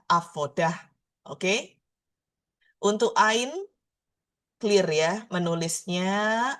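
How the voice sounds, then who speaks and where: Teaching a language class online, this woman has a mid-range, fairly bright voice and a Surabaya Javanese accent. She drills pronunciation by patiently repeating every word slowly for her students to imitate.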